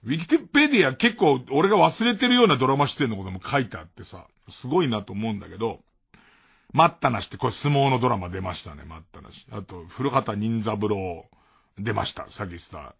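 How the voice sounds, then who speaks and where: A Tokyo man with a Tokyo accent hosts a late-night radio show, rambling through a casual, self-mocking monologue and chuckling often. His medium-pitched voice swings widely in pitch and moves briskly, with a creaky, breathy edge. The recording is a muffled mono radio archive.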